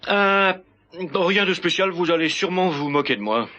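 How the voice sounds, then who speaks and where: An actor playing a busy official on the phone in a dubbed TV soap, brisk and businesslike. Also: male voice, sits high, expressive, pushed and bright. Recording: dull, noisy phone-scene sound.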